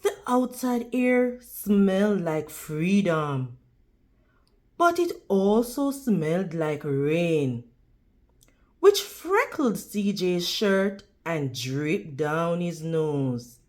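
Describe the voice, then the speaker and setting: Very slow, expressive woman reading to children. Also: on the low side. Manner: deliberate, instructional, addressing young children. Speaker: read-aloud teacher. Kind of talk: children's storybook read-aloud with prompting questions.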